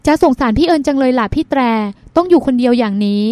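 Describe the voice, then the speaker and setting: A woman's voice: high voice, lively intonation, fast, mellow, no room sound. A woman reading the part of a teasing, sulky young woman who speaks in a pouty, bratty way. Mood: playful.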